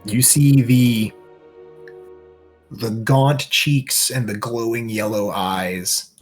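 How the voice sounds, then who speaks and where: Game master, male, deliberate and halting, low voice over soft background music. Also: steady tone. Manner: slow, halting descriptive narration with many restarts. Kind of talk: narrating a tabletop game.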